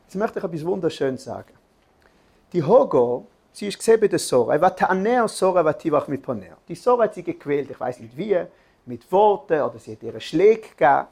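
A man's voice: fairly high pitch, sing-song, a little fast, darkish tone, slightly rough. A man giving an earnest religious lesson, telling a story with restarts and filler sounds.

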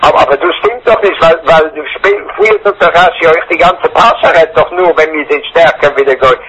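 A man teaching traditional religious texts, thinking aloud with halting restarts and chanting Hebrew passages at speed. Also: a little high, fairly bright tone, muffled recording, a little hiss or hum. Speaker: Torah study teacher. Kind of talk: traditional religious text study.

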